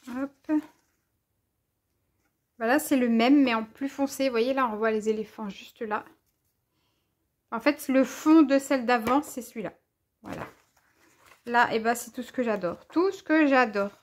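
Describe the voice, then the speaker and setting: A French woman showing off craft paper and stickers in a casual, enthusiastic haul video, gushing over each item. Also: a little high. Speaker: crafting vlogger.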